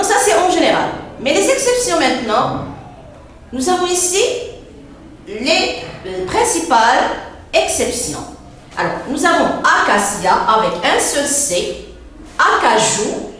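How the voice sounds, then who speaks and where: A woman's voice: high voice, sing-song, slow pace, a bit bright, slight background noise. A woman teacher giving a spelling lesson, patiently spelling words out letter by letter. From Morocco. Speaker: primary school teacher. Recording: echoey room, mic at a distance.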